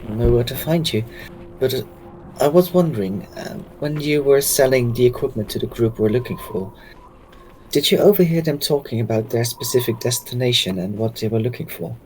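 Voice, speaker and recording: Male game player, polite conversational role-play, medium pitch, slight background noise. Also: brisk, a little mellow, rough recording. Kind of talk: casual role-play chat.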